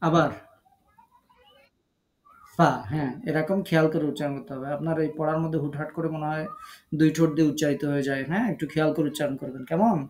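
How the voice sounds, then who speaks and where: A patient recitation teacher from Bangladesh, heard over an online video call. The teacher quizzes students one by one, calmly asks questions and corrects their pronunciation step by step. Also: mid-range voice, very fast. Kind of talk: online class instruction.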